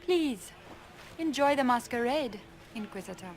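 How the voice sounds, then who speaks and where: A woman's voice: fairly high pitch, animated, a little slow, slight background noise. An actress playing a formal, eager lady-in-waiting to an empress in a fantasy game, politely proclaiming. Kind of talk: video game dramatic acting.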